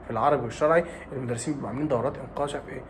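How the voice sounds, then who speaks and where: A man voicing an excuse-making male high school student, talking in an Egyptian Arabic accent, soft, mumbling and sheepish. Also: fairly even intonation, very fast, slight background noise, lightly acted.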